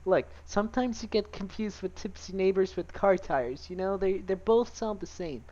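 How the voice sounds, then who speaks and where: A man's voice: high voice, moderate pace, darkish tone, slight background noise. A man reading a game's story text aloud, breaking off to joke and laugh at it. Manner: jokey, laughs often, breaks off to comment. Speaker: gamer reading a visual novel aloud. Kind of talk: casual let's-play commentary, reading game text aloud. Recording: slightly dull lo-fi sound with faint music. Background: faint game music.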